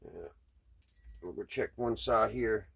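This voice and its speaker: A fairly low-voiced man with a Southern US accent speaks slowly, with vocal fry and a breathy edge. He's a vlogger who restores radios, and his repair commentary is casual, hands-on, folksy and hesitant as he thinks aloud while working.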